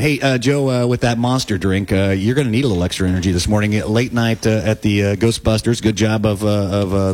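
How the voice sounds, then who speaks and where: A man's voice: on the low side, a little mellow. An older man hosting a morning radio show, chatting casually with plenty of fillers and restarts. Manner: rambling, hesitant, many fillers. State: not feeling well. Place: radio studio.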